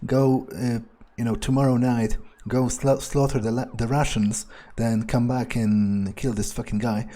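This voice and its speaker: A gamer plays in character as a cold, cruel, foul-mouthed male vampire who is entitled and predatory, muttering to himself, swearing, and musing deliberately. His husky, mid-range voice is dark-toned with fairly even intonation, lightly acted and brooding.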